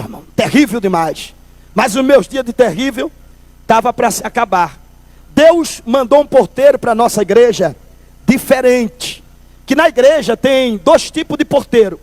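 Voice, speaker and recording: A man giving a preached personal testimony to a church congregation, telling his story with lively storytelling and calling the listeners "brother". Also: very high voice, no room sound.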